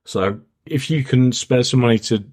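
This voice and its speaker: A man's voice: medium pitch, normal speed, a little mellow. A man co-hosting a podcast in casual chat, rambling and restarting sentences while he has the hiccups. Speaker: podcast co-host.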